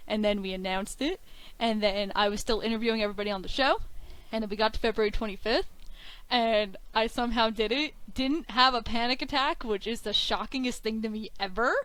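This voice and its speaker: A woman's voice: on the high side, brisk, smooth, no echo, poor audio. A woman in her twenties, a wrestling commentator, chatting as a guest and acting out quoted dialogue. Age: 20s. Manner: animated storytelling with quoted dialogue, frequent "like". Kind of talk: casual interview chat.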